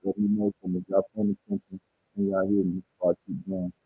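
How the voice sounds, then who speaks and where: A man's voice: sits low, sing-song, fast, creaky, husky. A man hosting a casual livestream in a laid-back, rambling way, talking straight to his viewers, his sound muffled as if heard through a wall. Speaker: livestream host. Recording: dull, muffled livestream audio.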